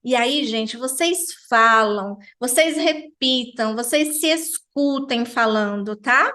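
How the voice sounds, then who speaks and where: A woman with a high voice teaches a pronunciation lesson at an unhurried pace. She articulates every word with care and repeats it so learners can copy her. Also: sharp tone. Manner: articulates each French word slowly and repeats it. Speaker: French teacher.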